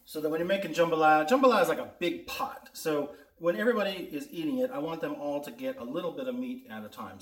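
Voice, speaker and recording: Male home-cooking host, chatty and folksy, slightly high voice, roomy sound away from the mic. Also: fairly bright tone. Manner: chatty, folksy, addresses viewers directly. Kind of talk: casual taste-test and cooking demonstration. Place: indoors in a kitchen. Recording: roomy echo, distant microphone.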